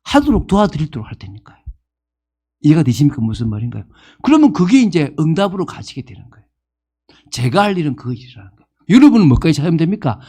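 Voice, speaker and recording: A man's voice: fairly high pitch, sing-song, fast, dark tone, breathy edge. A man in his fifties preaching a sermon as pastor, asking the congregation questions and acting out the people he quotes. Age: 50s.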